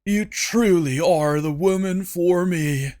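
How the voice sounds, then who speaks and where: A man's voice: high-pitched, lively intonation, unhurried, darkish tone, pitched above the performer's own voice. A whiny, sly young henchman speaks in a raised, nasal-sounding whine, as a man acts him out. His eagerness to please is fake. This is a comic audiobook. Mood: swooning. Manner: whining, falsely compliant.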